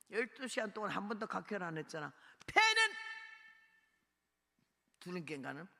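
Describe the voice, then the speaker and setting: Woman preacher, gravelly voice, dramatic sermon storytelling, echoing hall. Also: medium pitch, bright, forceful tone. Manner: dramatic storytelling, acting out her own cries and prayers. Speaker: missionary preacher. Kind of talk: sermon testimony. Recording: reverberant hall sound.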